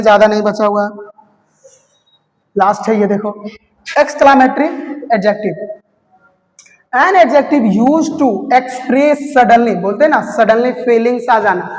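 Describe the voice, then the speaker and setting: A grammar teacher, giving an exam-prep lesson and repeating each key term as a question and its answer. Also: medium pitch. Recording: long hall reverb.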